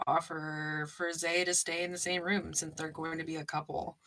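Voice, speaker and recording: A woman's voice: low-pitched, flat delivery, moderate pace, a bit bright, no echo, low-quality recording. A woman chatting casually as a player in a tabletop game. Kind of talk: casual chat.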